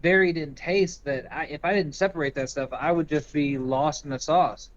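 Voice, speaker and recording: A younger man in his twenties chats easily on a podcast in a fairly high voice, using relaxed slang. The sound is dull and lo-fi. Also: normal speed. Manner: laid-back slang, easygoing. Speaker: podcast co-host. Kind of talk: casual podcast chat.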